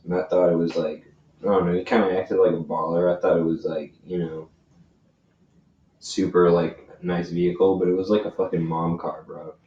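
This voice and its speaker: A man's voice: low-pitched, level tone, normal speed. A young man co-hosting a podcast in casual, slangy chat with plenty of swearing. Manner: laid-back, swears a lot, slangy. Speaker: podcast co-host. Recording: roomy, distant, dull lo-fi mic with faint hiss.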